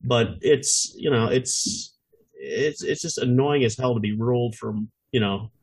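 Upstate New York man, husky mid-range voice, wry, rambling conversational delivery. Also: mid-range voice, unhurried. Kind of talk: casual political chat.

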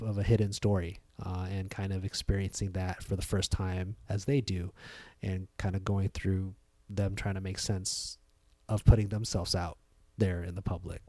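A young man hosts a casual podcast in a low, soft-spoken voice. He talks in a hesitant, relaxed way with lots of fillers. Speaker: podcast host.

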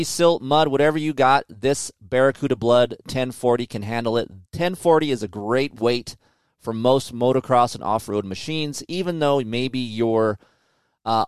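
A middle-aged man hosting a motocross podcast, loose and blunt, swearing as he talks. His voice is mid-pitched and sounds dry and close to the mic, with almost no room around it. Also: clear, resonant tone, no echo. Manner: blunt, profane, conversational. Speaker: podcast host and motocross tester. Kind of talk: casual chat.

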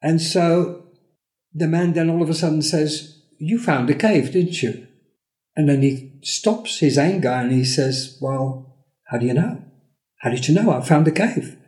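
A man with a somewhat high, mellow voice tells a parable in a relaxed podcast conversation. He slows down to act out the characters' lines, and the room around him sounds echoey. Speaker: podcast co-host.

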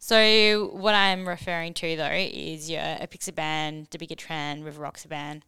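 A woman with a very clear, resonant voice, slightly low and often creaky at the edges. She explains in an informal, conversational teaching style, as a host would. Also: fairly even intonation, normal speed, pushed and bright, no room sound. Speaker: podcast host and medical teacher. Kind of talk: casual educational discussion.

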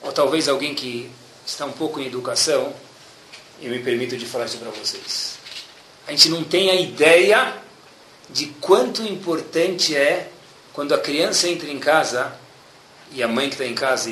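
A man, giving a sermon as a religious teacher and telling stories in a lively, animated way, often checking in with his listeners. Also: mid-range voice, a little hiss or hum. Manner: keeps asking "tá bom?" as a check-in. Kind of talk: sermon with storytelling. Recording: echoey room.

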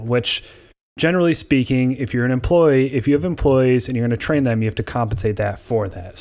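A man's voice: medium pitch, darkish tone. A man recording from aboard an airplane, co-hosting a podcast with loose, rambling, conversational explanations. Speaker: podcast co-host. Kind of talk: casual explanatory podcast talk.

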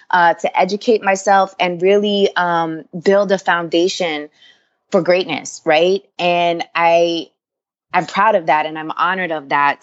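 A woman from Queens speaks in a lowish voice, earnest and animated as she talks through her experience. The sound is muffled and lo-fi. She keeps checking in with her listener as she goes. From New York, Queens. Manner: earnest, animated, often tags lines with "right?". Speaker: podcast guest. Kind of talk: casual interview talk.

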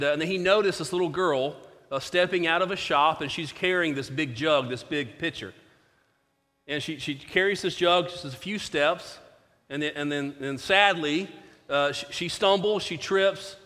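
A man's voice: a little high, a bit bright. Earnest male preacher in a reverberant hall. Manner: earnest storytelling with frequent restarts. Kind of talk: sermon.

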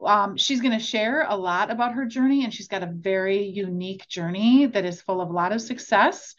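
A woman's voice: medium pitch, a little fast. A woman hosting a podcast interview, upbeat and enthusiastic. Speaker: podcast host. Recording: dull lo-fi sound.

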